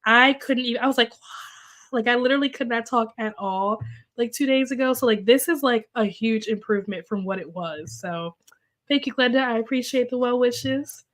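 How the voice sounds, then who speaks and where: Her voice is a little high and a bit bright, at normal speed. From home, via a desk microphone, this young woman hosts a chatty, filler-filled livestream, reading viewer comments and reacting, while sounding congested and slightly coughy as she recovers from illness.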